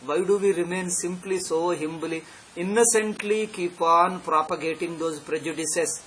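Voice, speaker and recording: High-pitched man teaching, noisy recording. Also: moderate pace, fairly bright tone. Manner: emphatic and repetitive, restating phrases. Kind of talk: extempore religious discourse. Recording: clearly noisy live recording.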